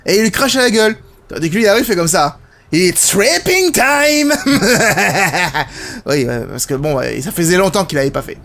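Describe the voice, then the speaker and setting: A young man from France giving excitable, casual commentary as he plays a video game, swearing now and then. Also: high voice, very fast, creaky, few pauses, slight background noise. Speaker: gaming video host. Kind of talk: casual let's-play commentary. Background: game music.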